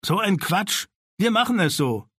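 A man's voice: high voice, expressive, normal speed, fairly bright tone, breathy edge, no echo, studio quality, pitched above the performer's own voice, full character voice. A man doing a stubborn, proud little boy. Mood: defiant. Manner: stubborn, indignant.

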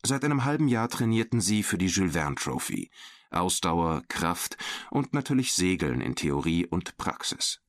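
Male audiobook narrator, low voice, lively expressive read, dry studio mic. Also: normal speed, no room sound. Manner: expressive, voices every character. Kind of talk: scripted storybook narration.

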